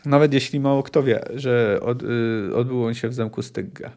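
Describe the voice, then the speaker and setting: Male podcast host, dark mellow voice, mid-pitched, reads aloud then rambles thoughtfully. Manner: thinks aloud, discursive and unhurried. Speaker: podcast host reading and discussing a novel. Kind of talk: reads book passages aloud, then comments casually.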